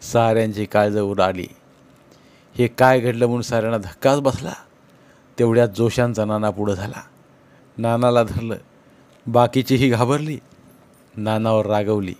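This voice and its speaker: A man narrating a story in a steady, measured reading voice, as an audiobook narrator. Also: on the low side.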